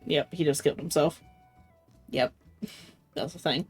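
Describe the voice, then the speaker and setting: Chatty woman streamer over soft music. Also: low voice, fairly even intonation, unhurried, slightly rough. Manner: chatty, laughing, swears freely. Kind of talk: casual game-stream chat.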